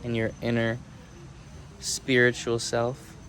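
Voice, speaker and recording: A man's voice: mid-range voice, monotone, slow pace, slight background noise. A man talking casually to camera as a vlogger, addressing his viewers in a motivational, informal way. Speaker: vlogger and day trader. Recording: loud music over the voice. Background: loud music.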